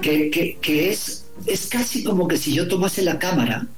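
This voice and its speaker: In an echoey room with faint music behind, a middle-aged Guatemalan author talks reflectively in an interview. His high voice is animated and moves at normal speed, and he often repeats words as he looks for the right way to say things.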